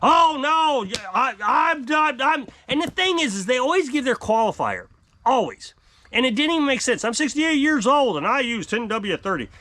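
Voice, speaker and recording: A man's voice: extremely high pitch, big pitch swings, moderate pace, sharp tone. A man in his fifties ranting to camera outdoors on a porch, exasperated and emphatic as he talks about his homestead life. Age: 50s. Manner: exasperated, emphatic, gesturing widely. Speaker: off-grid homestead vlogger. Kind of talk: frustrated rant to camera. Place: outdoor covered porch by woods.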